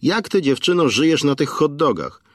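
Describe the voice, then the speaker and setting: In an audiobook, a man plays a wry, stout, fifty-year-old gas station owner who grumbles as he talks, pitching his voice a little high, above his natural register. The delivery is very animated at a moderate pace, in clean studio sound with no room ambience.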